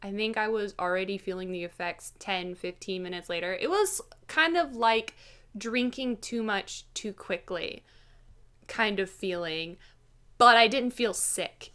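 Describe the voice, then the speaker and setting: A woman telling a personal story in a casual vlog style, with an animated manner that slips into acting out dialogue. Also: medium pitch. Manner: animated, acts out quoted dialogue. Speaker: vlogger.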